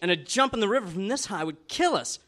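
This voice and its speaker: A man playing a plucky, wisecracking adventurer in a comic audio drama, excitable and wry. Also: sits high, fast. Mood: wry, urgent.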